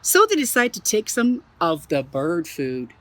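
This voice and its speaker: Lively woman reading a children's story aloud. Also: fairly low pitch, measured pace. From Canada. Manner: expressive, playful, adds exclaimed asides. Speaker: museum storyteller. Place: own backyard.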